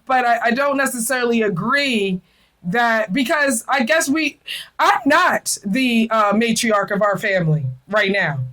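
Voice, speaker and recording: A woman's voice: on the high side, a bit bright, rough recording. A middle-aged woman hosting a casual spiritual chat, talking earnestly and emotionally, often repeating her phrases. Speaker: podcast host.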